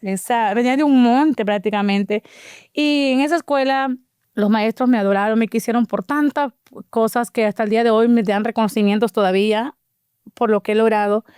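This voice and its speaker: A woman's voice: fairly high pitch, normal speed, clear, resonant tone, no echo, studio quality. A middle-aged woman, a guest animatedly telling her personal life story and acting out the dialogue. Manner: animated storyteller who acts out quoted dialogue. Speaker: interview guest.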